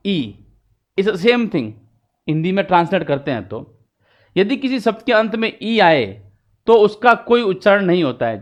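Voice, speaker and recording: A male English teacher with an Indian accent runs a pronunciation lesson, moving back and forth between Hindi and English. His voice is high and his delivery very slow, and he stretches out every example word.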